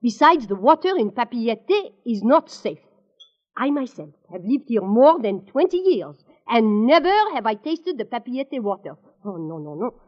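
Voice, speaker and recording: Pushy-sweet french hostess on an old radio play, lilting voice. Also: female voice, fairly high pitch, sing-song, a little slow. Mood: coaxing. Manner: coaxing, insistent, gracious. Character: persuasive French restaurant hostess from Normandy. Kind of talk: 1940s radio acting. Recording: dull old radio broadcast with music.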